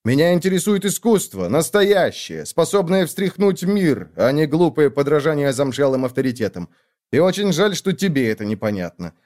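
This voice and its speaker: A man's voice: on the high side, sing-song, moderate pace, darkish tone. A man voicing an irritable young painter, the older brother, snapping in tense outbursts. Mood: irritated, angry.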